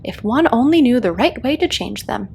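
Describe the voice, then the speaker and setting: A woman's voice: on the high side, lively intonation, moderate pace, creaky, dark tone, slight background noise, voice pushed up. A woman voicing a polite, earnest, curious storybook girl who speaks in a prim, questioning way. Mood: musing.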